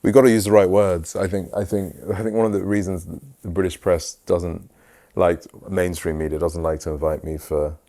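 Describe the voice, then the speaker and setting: A man's voice: deep voice, steady tone, normal speed, dark tone. A man speaking passionately and emphatically in a casual conversation, often asking "right?". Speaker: host, photographer.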